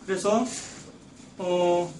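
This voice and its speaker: A man preaching a sermon as pastor, emphatic and building to loud stresses. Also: high voice, steady tone, very slow, far from the mic, a little hiss or hum. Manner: emphatic preaching, rising loud when quoting Jesus. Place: church sanctuary. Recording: echoey church recorded from afar.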